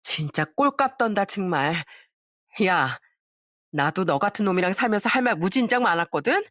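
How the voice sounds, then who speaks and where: A woman voicing a furious betrayed wife who shouts sharp accusations at her cheating husband in a story drama. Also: mid-range voice, lively intonation, normal speed, dry recording, studio quality, lightly acted.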